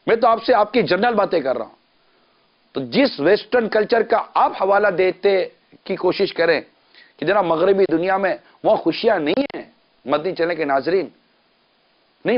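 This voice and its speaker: A man delivers a televised sermon. He speaks emphatically, stacking lists and asking question after question. The broadcast recording sounds slightly dull and lo-fi. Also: high-pitched. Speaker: Islamic preacher.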